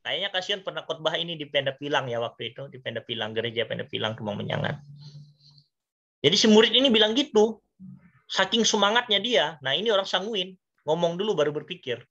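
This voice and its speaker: A bright-voiced man preaches to a youth group in a church. He tells the story with energy, slips into the voices of the people in it and keeps asking his listeners questions. The recording sounds muffled and lo-fi. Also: on the high side, quick pace. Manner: lively storytelling, acts out dialogue, asks the audience questions. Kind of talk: youth sermon. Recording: dull lo-fi sound.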